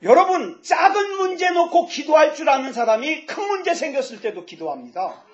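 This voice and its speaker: A pastor in his fifties preaching a sermon, lively and joking, asking the audience questions. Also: very high-pitched, normal speed. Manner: lively, asks the audience questions, jokes about himself. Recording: dull lo-fi sound.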